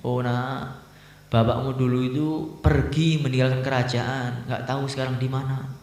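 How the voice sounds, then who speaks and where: A man voicing a gentle, wistful queen mother who speaks softly. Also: medium pitch, level tone, normal speed, reverberant, lightly acted.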